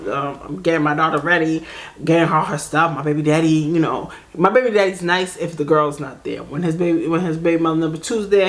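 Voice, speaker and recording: A young woman casually telling a dating story to her vlog audience, chatty and animated, jumping into quoted voices. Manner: animated, acts out quoted voices with big pitch jumps; chatty, full of fillers like "like" and "blah, blah". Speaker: storytime vlogger.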